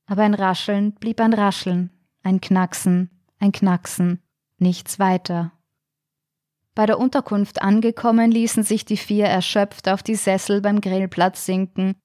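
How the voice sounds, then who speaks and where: A woman reads a short suspense story aloud in a measured, tense way, her pitch sitting in an ordinary middle range. The recording is close and dry, with no room sound around her voice. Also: little pitch movement, a little mellow, no echo. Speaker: narrator. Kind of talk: scripted audiobook narration.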